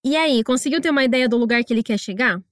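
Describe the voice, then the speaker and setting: Female English teacher, high voice, dry close mic, patient drills. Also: no room sound. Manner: encouraging, slow deliberate pronunciation drills. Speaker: English teacher and podcast host. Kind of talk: scripted language lesson narration.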